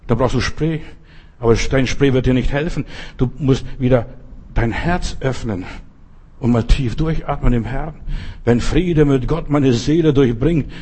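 A man's voice: medium pitch, darkish tone, husky. A man preaching a sermon, addressing listeners directly with many pointed rhetorical questions.

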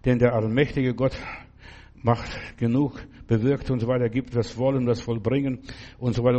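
A man's voice: mid-range voice, dark tone. A man preaching a sermon in a fervent, exhorting way, speaking directly to the listener.

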